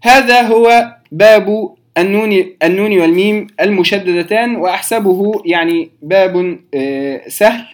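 A man explaining recitation rules to beginners, patient and direct with his listeners, repeating key terms slowly. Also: sits high. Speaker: Quran recitation teacher.

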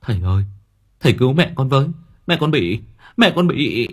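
A man's voice: very deep voice, moderate pace, breathy edge, pitched below the performer's own voice. A man voicing a desperate young son who stammers and pleads. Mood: pleading.

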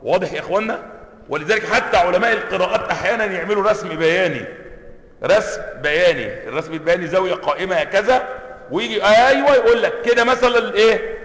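A man's voice: high voice, quick pace, fairly bright tone. An Egyptian man, a sheikh teaching Quranic sciences, who explains points, asks his class questions and repeats words to show how they are pronounced. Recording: echoey hall, long reverb.

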